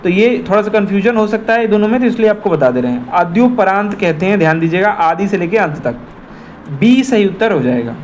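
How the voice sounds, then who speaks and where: High-voiced exam tutor. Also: male voice, lively intonation, a little fast, darkish tone, slight background noise. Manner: repetitive, addresses viewers as friends. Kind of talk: explanatory quiz walkthrough.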